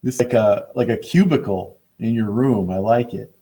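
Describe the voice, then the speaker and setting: A man's voice: lowish voice, normal speed, mellow. A male biology teacher teaching an online class by video call, teasing and sarcastic with his students.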